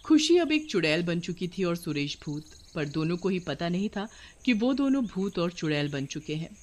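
A woman narrating a cartoon story in an even storytelling voice. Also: on the low side, moderate pace, background noise.

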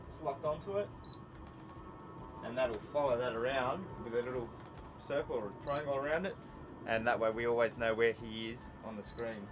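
A man's voice: mid-range voice, rough recording. A man in his thirties with an Australian accent, hosting a casual product demo on the deck of a boat, upbeat and enthusiastic. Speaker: fishing show host. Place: open deck of a boat on a bay, outdoors. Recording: music bed underneath.

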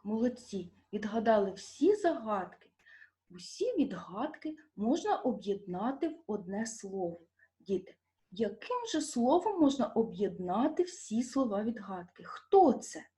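A woman teaching a primary school lesson with a Ukrainian accent, asking young children questions and stretching out stressed syllables slowly and clearly. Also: mid-range voice, mellow.

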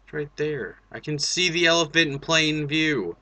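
A man's voice: on the high side, normal speed, bright, forceful tone. A young man giving casual let's play commentary, joking, swearing and reacting as he plays. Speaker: gaming video host.

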